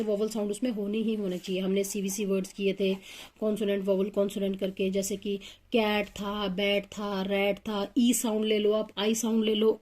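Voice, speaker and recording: A woman teaching English phonics in a patient, step-by-step way, working through examples with pauses and fillers. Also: mid-range voice, a little mellow. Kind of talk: phonics lesson explanation.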